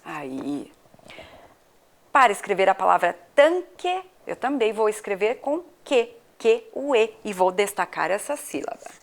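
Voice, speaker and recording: A woman's voice: mid-range voice, animated, moderate pace, hardly any pauses. A woman from Brazil, a primary school teacher, giving a patient video lesson to children and asking them questions. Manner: patient, questioning the pupils, spells out letters.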